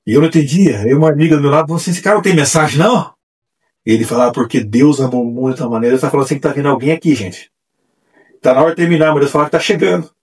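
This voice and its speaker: Fast-talking husky male evangelist. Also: on the high side. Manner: animated, acts out quoted voices. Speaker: church evangelist, guest. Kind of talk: testimony storytelling. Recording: distant mic.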